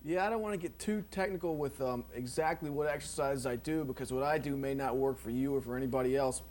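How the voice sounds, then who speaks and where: A man teaching drum technique in a relaxed, rambling way, full of ums and you knows. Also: mid-range voice, quick pace, a little hiss or hum. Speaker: drum instructor. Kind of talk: casual instructional explanation.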